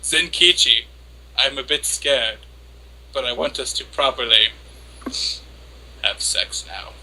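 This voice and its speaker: Man hamming up a lovestruck, very bright-voiced anime girl. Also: medium pitch, heavily acted, poor audio. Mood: breathless longing. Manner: hammy, theatrical dramatic reading with drawn-out words. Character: lovestruck, obsessive young anime woman confessing, flustered and devoted. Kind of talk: dramatic reading of an internet post.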